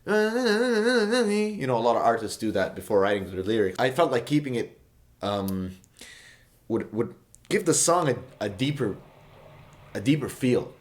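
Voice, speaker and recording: A young Saudi man, a native Arabic speaker with a medium-pitched voice, casually explains what his song means. He meanders and corrects himself, using many fillers.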